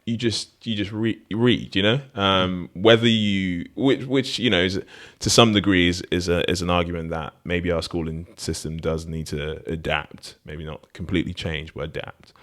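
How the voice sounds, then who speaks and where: A man with a very low voice, chatting casually as a podcast host. He rambles and restarts his sentences, laughing often as he talks. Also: steady tone, normal speed, few pauses, fairly bright tone. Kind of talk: casual conversation.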